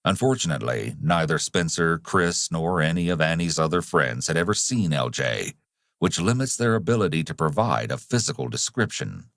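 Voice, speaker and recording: A man reading scripted true-crime narration in a measured, dramatic way. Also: rumbling low, expressive, fairly bright tone, no room sound, studio quality.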